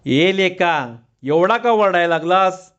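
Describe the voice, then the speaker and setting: Grumbling village pilgrims jeer in rustic speech, all voiced by a male storyteller. The voice is fairly high. The sound is muffled and lo-fi. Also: lively intonation, unhurried, a bit bright. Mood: mocking. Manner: mocking rustic talk.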